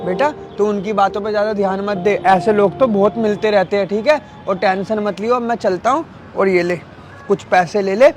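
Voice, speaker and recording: A kind-hearted passerby, played by a man in a drama skit. He speaks in a fairly high voice outdoors near traffic, with loud background music laid over the scene. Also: steady tone, moderate pace, close to an everyday voice. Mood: gentle. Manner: reproachful to the mother, gentle to the child. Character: kind passerby man defending a poor girl. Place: outdoors by a parking area.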